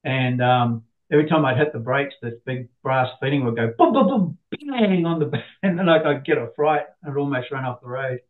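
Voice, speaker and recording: A man's voice: mid-range voice, normal speed, few pauses. Middle-aged man, interview guest, chatty, self-deprecating storyteller, tinny phone-like line. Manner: chatty, self-deprecating, animated quoting of others. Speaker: interview guest, business owner. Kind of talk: casual anecdotal storytelling.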